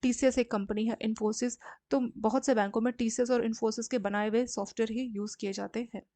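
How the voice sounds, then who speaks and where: A young woman tutors for a banking exam, explaining HR and banking ideas in a conversational lecture and often checking in with her listeners through filler checks. Her fairly high voice is steady and mellow at a normal speed, with no room sound.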